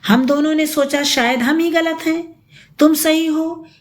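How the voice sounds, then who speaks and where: Brief: woman reading an angry young mother in an audio story, shrill, lively, spitting hatred. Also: measured pace. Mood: furious. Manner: shrill, hateful shouting. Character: bitter young mother, furious accuser of stepmother.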